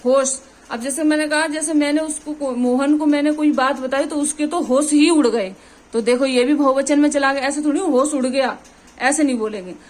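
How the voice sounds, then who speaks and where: A woman with a Hindi accent from Uttar Pradesh gives an exam-prep grammar lesson. Her voice sits high, and she teaches patiently, repeating her points and checking in with the students. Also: moderate pace, darkish tone. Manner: explains with examples, repeats "ठीक है" often.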